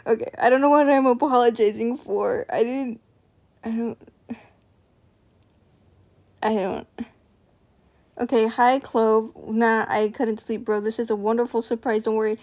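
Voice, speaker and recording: A woman's voice: a little high, fairly even intonation, unhurried, pauses often, darkish tone. A young woman streaming live, chatting casually, nervous and apologetic, rambling with lots of fillers.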